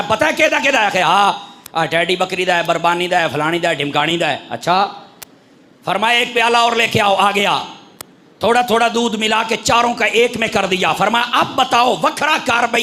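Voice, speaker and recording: A man with a Punjabi accent preaching a fiery sermon, shouting his points with emphasis. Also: high-pitched, slight background noise. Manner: shouting, emphatic, mixes in folk sayings.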